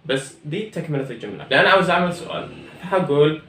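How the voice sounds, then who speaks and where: Male teacher, patient explainer with slow model sentences, echoey room. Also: on the high side, animated, a bit bright. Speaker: English teacher. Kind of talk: online language lesson.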